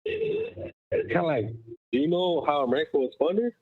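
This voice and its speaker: A man's voice: fairly high pitch, wildly swooping pitch, normal speed. Guy calling in from his phone while walking, muffled like through a wall, tinny line, rambly and emphatic. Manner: rambling, emphatic, full of fillers. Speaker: caller. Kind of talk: casual call-in chat.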